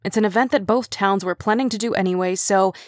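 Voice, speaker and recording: A middle-aged male mayor reasons patiently and tries to calm everyone down, as a woman narrator voices him. She keeps close to her own voice, in a dry, close recording. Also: medium pitch, quick pace, no room sound, close to an everyday voice. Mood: placating. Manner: placating, reasonable.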